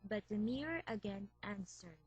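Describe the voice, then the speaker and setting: A woman reading a fairy tale aloud as storyteller, slow and careful. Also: medium pitch, expressive, breathy edge, dry recording, soft background music, poor audio.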